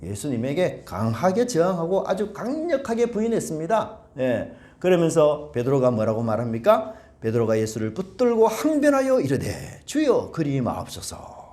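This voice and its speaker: A man's voice: a little high, big pitch swings, normal speed, few pauses, warm tone. A male pastor preaching a sermon, asking the congregation rhetorical questions and acting out quoted lines.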